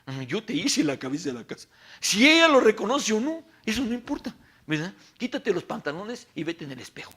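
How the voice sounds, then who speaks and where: A male preacher voicing God as a calm, blunt, reassuring speaker. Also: sits high, a little fast, slightly rough, pitched above the performer's own voice, heavily acted.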